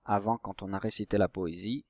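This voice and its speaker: Patient schoolteacher, slow and clear. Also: male voice, fairly low pitch, fairly even intonation, a little mellow, no room sound. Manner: slow, patient, stretches words and syllables. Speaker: primary school teacher. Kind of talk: recorded reading lesson for young children.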